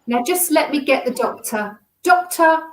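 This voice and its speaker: A woman's voice: sits high, measured pace. A woman voicing a tired, grumpy old nurse who mutters fretfully and barks orders. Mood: brusque. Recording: roomy echo.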